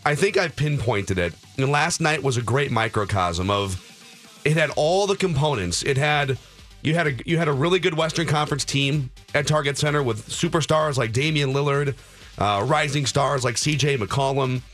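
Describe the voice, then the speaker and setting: Gravelly, hoarse American sports talk host. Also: male voice, medium pitch, animated, moderate pace, fairly bright tone, soft background music. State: strained, hoarse voice. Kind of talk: casual sports chat.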